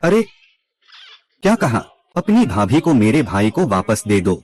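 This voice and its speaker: A man's voice: fairly low pitch, big pitch swings, moderate pace, a little mellow. A man narrating a drama recap in a scripted way, reading out every character's lines himself.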